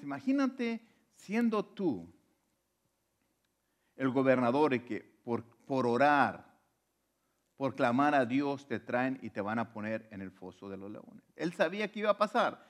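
A man preaching a sermon, retelling scripture dramatically and asking the listener direct questions. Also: a little high. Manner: dramatic pulpit delivery, slowing to stress quoted scripture.

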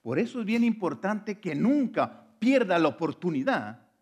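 A man preaching a sermon as pastor at a church service, moving between loud fervent appeals and hushed, quiet passages. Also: sits high, sing-song, moderate pace, breathy edge.

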